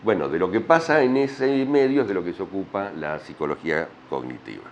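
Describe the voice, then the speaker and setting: A man's voice: deep voice, animated, fairly quick. A man with an Argentine accent giving a university lecture, explaining step by step and often checking in with the class. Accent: Argentine Spanish. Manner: explanatory, checks understanding with frequent tag questions. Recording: dull lo-fi lecture recording with faint noise.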